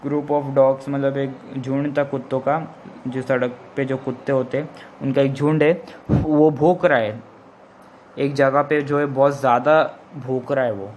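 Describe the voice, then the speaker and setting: Man explaining a textbook in a flat voice. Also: mid-range voice, lo-fi sound, slight background noise. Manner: explains line by line, rephrasing often with many fillers; reads English lines slowly and deliberately. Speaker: English teacher.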